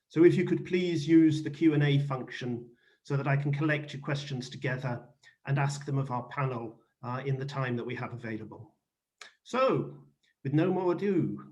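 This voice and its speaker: Male host, middle-aged or older, moderately high voice, deliberate formal delivery for introducing speakers. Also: warm tone. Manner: courteous, deliberate.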